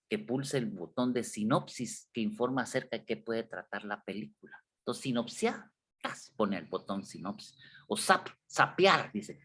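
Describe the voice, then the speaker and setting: A man's voice: medium pitch, slightly rough. A man giving a classroom lecture, explaining with examples and often checking in with his students. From Guatemala. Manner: explains with examples, checks in with repeated tag questions. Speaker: university lecturer.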